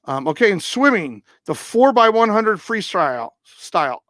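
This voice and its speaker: A man hosting a live-stream sports results roundup, reading scores haltingly and stumbling over foreign names. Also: high-pitched, very animated, a bit bright, dry recording, clean studio sound.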